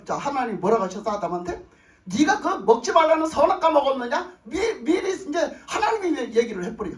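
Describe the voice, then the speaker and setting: Emphatic pastor, sermon, lively pitch, repeats lines, roomy church echo. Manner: emphatic, repeats phrases, asks the congregation questions. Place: church sanctuary with congregation. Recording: roomy echo, voice far from mic.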